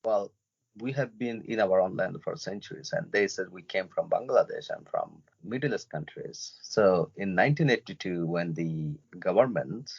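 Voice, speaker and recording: Deep gravelly man from Myanmar. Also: expressive, lo-fi sound. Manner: halting, with many fillers and restarts. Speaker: interview guest, refugee and journalist. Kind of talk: casual interview talk.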